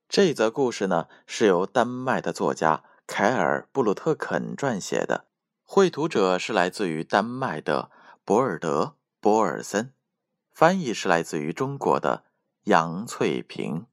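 A man reading a children's picture book aloud as a storyteller, slow and expressive. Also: fairly low pitch, dry recording, studio quality.

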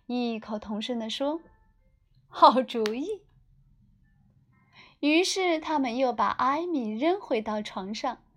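A woman tells a children's story in a high voice. Her reading is expressive and unhurried, with each sentence laid out slowly for young listeners.

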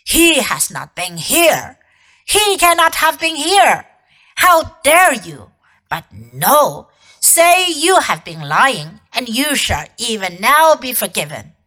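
A woman's voice: sits high, animated, takes it slowly, fairly bright tone, exaggerated voice, poor audio. A woman voicing a cold, imperious witch queen who talks down to everyone, in a storybook reading. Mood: furious. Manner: commanding, contemptuous.

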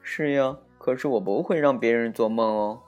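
A man's voice: medium pitch, normal speed, a little mellow, muffled recording, faint music behind, voice pushed up, natural voice. A man voicing Phil, a curious little boy who earnestly asks everyone questions, in a children's story.

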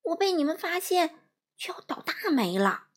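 A woman voicing a timid, bald little old man wizard who trembles and pleads in a hushed voice. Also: very high-pitched, sing-song, moderate pace, voice pushed up.

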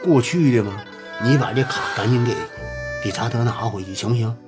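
An actor playing an earnest rural man who talks persuasively and haltingly in a TV drama. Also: mid-range voice, over loud music, close to an everyday voice. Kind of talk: TV drama acting.

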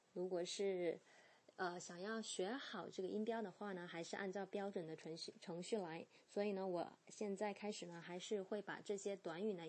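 A woman teaching English pronunciation in Chinese, slowly and deliberately, repeating each word as a drill. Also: medium pitch, a little mellow. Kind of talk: bilingual pronunciation lesson.

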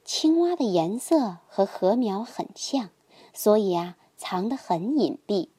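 A woman narrating a children's bedtime story in a gentle, sing-song manner. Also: mid-range voice, sing-song, takes it slowly, husky, dry recording.

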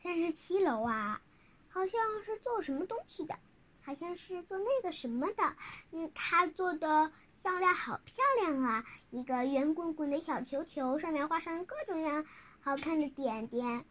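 A child telling a picture-book story informally, halting, repeating words and asking the listener questions. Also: high-pitched, expressive, a bit bright.

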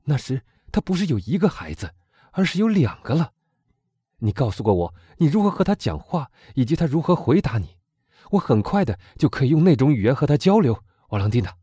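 A man's voice: mid-range voice, very animated, fairly quick, dark tone, slightly rough, no room sound, studio quality, voice pushed up. A man voicing an ardent young man in love, speaking with fervent, urgent pleading in an audiobook reading. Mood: hopeful.

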